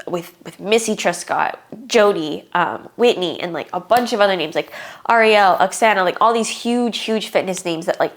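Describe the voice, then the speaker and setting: A young woman talking casually to her viewers in a vlog, earnest and emotional, with lots of filler words. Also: on the low side. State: tearful at times. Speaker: fitness competitor and vlogger.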